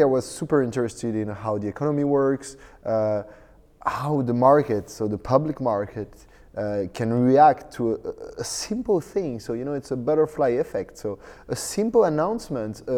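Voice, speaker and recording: This guest in a casual tech-conference interview is a French startup co-founder in his thirties with a French accent. He has a medium-pitched, dark voice that echoes in a large hall, and he speaks hesitantly, full of fillers and restarts.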